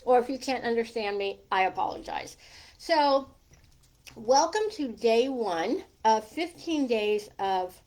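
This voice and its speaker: A mature woman with a fairly high voice and a noticeable lisp that whistles on her s. She talks like a coach on a casual livestream, chatty and informal, wandering into little asides as she addresses her viewers. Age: middle-aged or older. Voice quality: lisp with whistling, slushy s from a gap in her teeth.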